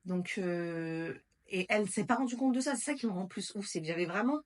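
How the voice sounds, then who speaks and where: A woman's voice: mid-range voice, animated, fairly quick. A woman vlogger telling a personal story in a candid, casual way, blunt and emotional, with slang and swearing.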